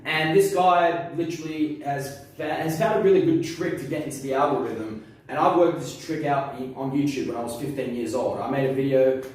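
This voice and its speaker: A man's voice: mid-range voice, brisk, a little mellow. A young man tells his side of the story in a casual interview, rambling and swearing freely. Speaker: interview guest. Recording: very echoey room from far off.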